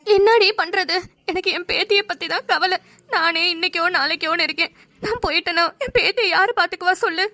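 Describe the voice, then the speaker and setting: A woman voicing a loud, dramatic village grandmother in a cartoon who scolds and wails. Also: very high voice, fairly quick. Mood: lamenting.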